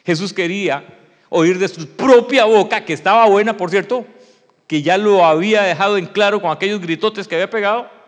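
A man preaching a sermon, acting out the story and swinging from shouts to hushed tones. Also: high-pitched, fairly quick. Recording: long reverb of a hall.

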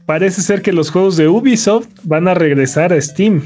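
A man reads gaming news on a podcast in a relaxed, chatty way. His voice sits a little high for a man, and he peppers his talk with casual slang. Faint music plays underneath. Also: moderate pace. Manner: relaxed, says dude a lot. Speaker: podcast co-host reading news.

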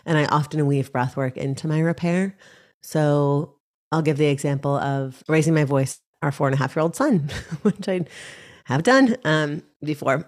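A woman breathwork teacher speaking as a podcast guest, talking in a measured, reflective way. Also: sits low. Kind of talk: podcast interview.

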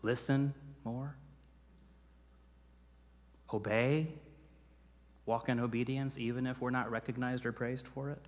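A man preaching a sermon as pastor, earnest, building to emphatic peaks and then dropping quiet. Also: medium pitch, little pitch movement, a little slow, pauses often, in a large hall.

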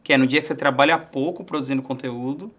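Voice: medium pitch, fairly even intonation, quick pace, fairly bright tone. An interviewer who asks brief questions and gives short backchannel replies.

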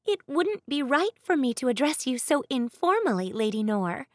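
A woman's voice: sits high, big pitch swings, normal speed, no room sound, clean studio sound, voice pushed up. A woman voicing a timid, eager young lady's maid who speaks meekly and politely. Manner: meek, polite, cautious.

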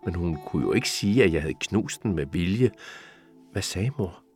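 A man with a very low voice reads a literary passage aloud in a steady, measured way. Soft guitar plays faintly behind him. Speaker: reader. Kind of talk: literary reading.

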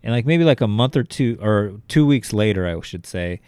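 A man's voice: on the low side, lively intonation, normal speed, a little mellow, clear, resonant tone, no echo. A young adult man, a podcast co-host, telling a rambling, profane story in casual chat, full of fillers like "you know" and "like".

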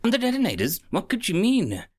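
A man's voice: sits high, a little fast, vocal fry, pitched above the performer's own voice. A man voicing a timid young male insect-like crewman who stammers nervously in a storybook reading. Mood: bewildered.

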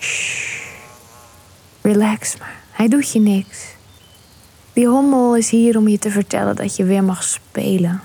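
A woman guiding a visualization meditation, speaking softly and soothingly and often slipping into a whisper. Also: mid-range voice, moderate pace, gravelly, husky. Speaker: meditation guide.

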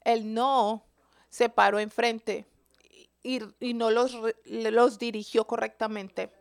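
Woman Bible teacher, sermon delivery, high voice with gravelly fry, quizzes the congregation. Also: level tone, slow. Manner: asks the listeners questions.

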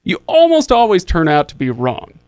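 A man's voice: high voice, huge pitch swings, moderate pace, a little mellow, smooth, no echo. A man in his thirties hosting a podcast, telling a rambling story in a casual, chatty way, with lots of fillers and restarts. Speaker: podcast host.

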